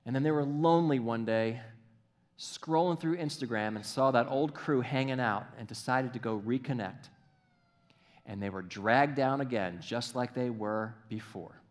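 A male pastor preaching a sermon in a church, animated and acting out little voices, then dropping to a soft, hushed delivery. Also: mid-range voice, moderate pace. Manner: animated, acts out quoted voices.

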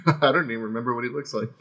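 A man's voice: mid-range voice, fast, sharp tone. A man co-hosting a casual podcast, easygoing and chuckling as he steers the chat. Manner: easygoing, chuckling, drifts between topics. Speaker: podcast co-host.

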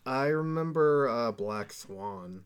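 A man co-hosting a podcast, chatting and telling stories in a relaxed, rambling way. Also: mid-range voice, slow, clean tone. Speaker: podcast co-host. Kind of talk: casual chat.

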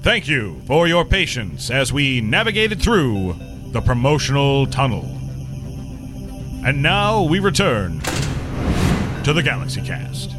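A man announces a scripted podcast break at medium pitch. His delivery is animated, and music plays clearly beneath him. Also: takes it slowly, long pauses.

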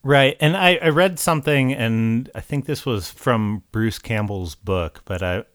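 A man co-hosting a casual film discussion, recapping plot points in a laid-back way that often trails off quietly. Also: medium pitch, a little slow, no room sound, clean studio sound. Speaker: podcast co-host.

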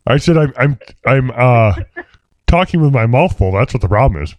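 A man co-hosting a casual podcast from home, chatting in a relaxed way. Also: medium pitch, normal speed, no room sound, lo-fi sound. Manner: relaxed, talks while eating. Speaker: podcast co-host. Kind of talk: casual chat. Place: at home, by the computer.

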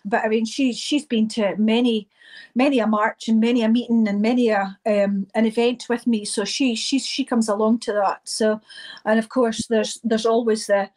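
A middle-aged or older woman with a Highland Scottish accent, speaking informally as an interview guest, often repeating words as she goes. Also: fairly even intonation, a little mellow. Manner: halting, repeats words and phrases. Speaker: interview guest, event organiser.

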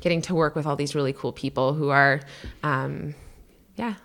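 A low-pitched woman in her thirties, originally from Canada, talks as a podcast guest. She rambles casually, fills pauses with "um" and "yeah", and laughs easily. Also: fairly even intonation, creaky, a bit bright. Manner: chatty, laughing, lots of fillers like "um" and "yeah". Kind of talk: casual interview chat.

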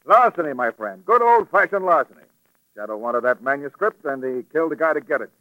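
Forceful, stubborn police commissioner. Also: male voice, fairly high pitch, lively intonation, fairly quick, no echo, low-quality recording. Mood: brusque. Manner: gruffly matter-of-fact, emphatic. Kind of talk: 1940s radio drama acting. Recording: dry vintage radio recording.

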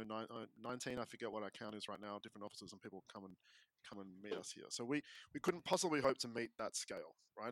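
An Australian man talking as a podcast guest in casual chat, quick and often restarting phrases as he explains. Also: medium pitch, fairly bright tone, no echo, rough recording.

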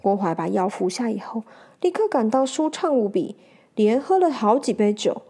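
A woman narrating a classic crime tale in an expressive storytelling voice. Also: fairly high pitch, moderate pace, slightly rough.

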